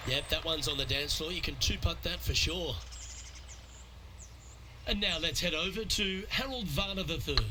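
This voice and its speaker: Man playing a high-pitched golf commentator. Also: normal speed, pauses often, background noise, lightly acted. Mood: composed, approving. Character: composed male lead TV golf announcer. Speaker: golf commentator, lead play-by-play announcer. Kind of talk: golf commentary in a sports video game.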